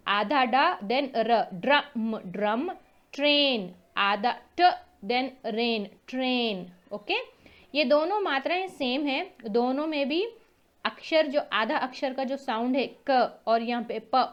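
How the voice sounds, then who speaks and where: A woman teaching a lesson. She explains patiently, repeats each example word slowly and clearly, and mixes English phrases into her Hindi. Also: sits high, dull audio. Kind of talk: classroom-style explanation.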